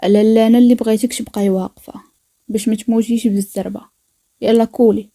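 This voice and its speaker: A woman with a Moroccan accent voicing a possessive, menacing male mafia boss in a storybook, speaking low, quiet and controlling. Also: flat delivery, quick pace. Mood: domineering.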